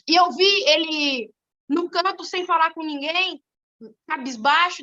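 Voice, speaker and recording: A teenage girl giving an animated church testimony, telling her story in a quick, lively way. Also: sits high, highs cut off. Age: teens. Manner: animated, fast-moving storytelling. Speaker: testimony giver.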